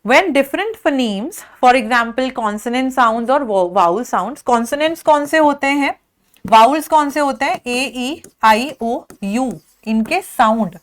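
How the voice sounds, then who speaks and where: An Indian woman teaching an exam prep lesson, explaining step by step and checking in with her listeners. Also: high voice. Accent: Indian English. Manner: explains step by step, mixing English and Hindi; slows right down to read out questions.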